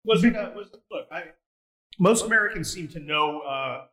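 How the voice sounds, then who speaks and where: A man's voice: sits high, expressive, moderate pace, fairly bright tone, poor audio. A man hosting a casual sit-down interview, blunt and provocative, rambling with frequent restarts. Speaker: podcast host.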